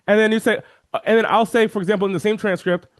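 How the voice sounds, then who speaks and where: A man talking as an interview guest, walking through software on a shared screen and acting out the voices of chat viewers. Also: sits high, quick pace, no room sound, clean studio sound. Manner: animated, acts out quoted chat voices. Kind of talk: energetic screen-share walkthrough.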